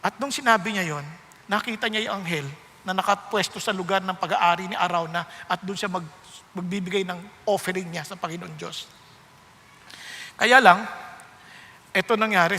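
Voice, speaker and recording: A man preaching a sermon as pastor, animated, often asking the congregation rhetorical questions. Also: sits high, big-room sound.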